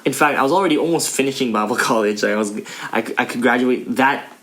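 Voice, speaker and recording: A young man in a mid-range voice tells his faith story in a relaxed conversation. He sounds earnest, with the cadence of someone used to preaching. He restarts words now and then as he thinks. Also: medium pitch, fast talker. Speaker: co-host of a couple's channel. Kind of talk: casual testimony chat.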